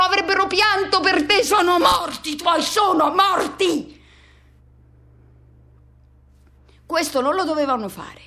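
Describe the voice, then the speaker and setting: An actress delivers a radio theatre monologue as an anguished person haunted by a lost love, speaking intensely in short, broken, repeated phrases. Her voice is extremely high and sharp, and she sounds pained and pleading.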